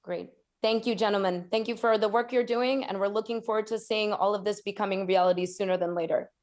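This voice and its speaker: A woman moderating a live panel in a brisk, upbeat way. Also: medium pitch, fairly even intonation, darkish tone.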